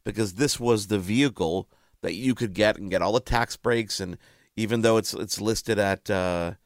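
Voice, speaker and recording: A man's voice: on the low side, normal speed, no room sound, studio quality. A man hosting a radio show in casual chat, chatty and playful, often interrupting himself.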